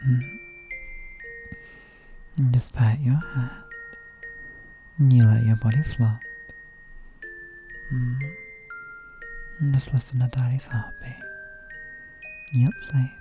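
A man playing a doting caregiver boyfriend in an ASMR role-play, cooing gently and soothingly as if to a child. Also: medium pitch, steady tone, a little slow, over music, lightly acted. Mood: soothing, hushed.

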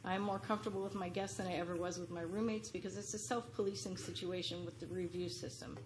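A middle-aged woman with a lowish voice reads an earnest, pleading prepared statement from notes as a public commenter at a podium microphone in a large council chamber. She speaks fast in a steady tone, over a little hiss or hum.

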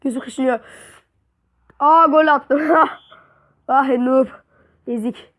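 A young woman with a slightly high voice gives gameplay commentary at an unhurried pace. She cheers her goals and taunts her opponent, letting out sudden excited bursts between quieter remarks. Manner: excitable, cheering and trash-talking at the game. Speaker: gaming YouTuber.

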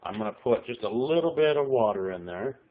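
Animated and fairly quick, a middle-aged man with a mid-range voice casually talks viewers through a recipe in a small kitchen while filming overhead with one hand. His chatty, folksy tutorial has tinny, phone-like audio with a little hiss or hum.

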